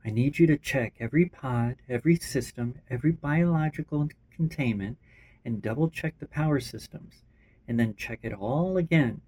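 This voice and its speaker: A man's voice: medium pitch, moderate pace, a little mellow, slightly rough, close to an everyday voice. A man voicing a weary non-binary vampire survivor in a homemade story reading, blunt and tired. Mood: determined.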